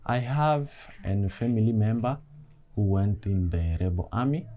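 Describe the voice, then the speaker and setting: A young man from eastern Congo tells his story slowly in a documentary interview, pausing and searching for each phrase. He was recorded in the field, with steady noise in the background. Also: on the low side, lo-fi sound. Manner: halting, searching for words. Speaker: refugee interviewee.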